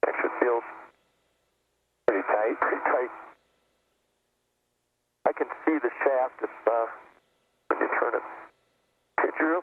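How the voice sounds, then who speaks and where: A man's voice: medium pitch, slow pace, long pauses. A man making clipped, matter-of-fact procedural calls over a narrow radio communicator link during a spacewalk. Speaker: astronaut on a spacewalk. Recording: tinny radio link with faint hiss.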